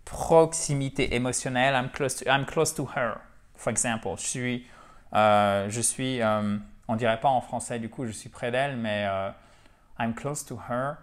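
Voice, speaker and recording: Teacher drilling English words. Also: male voice, mid-range voice. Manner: lively, claps to mark stress, drills English words slowly. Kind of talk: spoken language lesson to camera.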